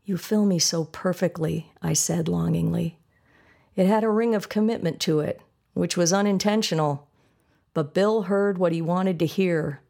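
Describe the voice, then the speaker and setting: A woman reading a first-person audiobook in a steady, intimate way. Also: lowish voice, moderate pace, creaky. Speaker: audiobook narrator.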